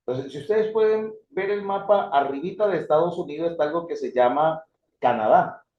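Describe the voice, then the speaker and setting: Addressing his students as brothers, a theology instructor delivers a history lecture briskly in a slightly high voice, his intonation climbing and dropping animatedly. The room is echoey and the sound dull and lo-fi, with a little hiss or hum.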